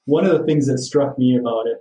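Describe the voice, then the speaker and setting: A man's voice: mid-range voice, fairly quick, mellow. A man in a casual podcast interview, talking in an easygoing, matter-of-fact way with lots of "you know". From Michigan. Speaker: sheriff's office captain, guest. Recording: roomy, distant from the mic.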